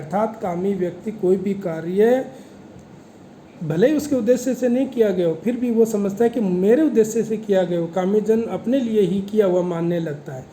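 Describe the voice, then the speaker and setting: A man with a very dark, mellow voice teaching classical verse, reciting each phrase slowly before unpacking its meaning in a patient lecture. The room is echoey and carries a faint hiss. His pitch sits in an ordinary middle range. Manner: slow recitation of verse, then Hindi explanation with fillers. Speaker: Sanskrit literature lecturer. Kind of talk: explaining a Sanskrit verse line by line. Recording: roomy echo with faint noise.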